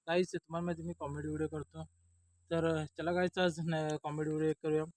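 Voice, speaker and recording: A man's voice: a little high, level tone, brisk, darkish tone, no echo. A man narrating a comedy sketch in a casual, hesitant way with many fillers. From Maharashtra. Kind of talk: casual comic storytelling.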